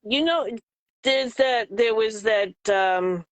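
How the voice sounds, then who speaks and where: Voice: medium pitch, takes it slowly, no echo. A podcast co-host in casual chat, talking easily while snacking and laughing often.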